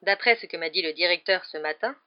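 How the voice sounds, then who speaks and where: A reader voicing a gentle, weary male teacher who speaks in a calm, measured way. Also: medium pitch, natural voice. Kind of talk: audiobook character voice. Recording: slightly dull lo-fi recording.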